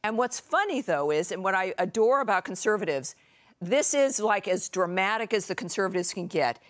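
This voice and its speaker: A woman's voice: mid-range voice, expressive, moderate pace. A woman on a comedy talk panel, speaking animatedly with frequent fillers.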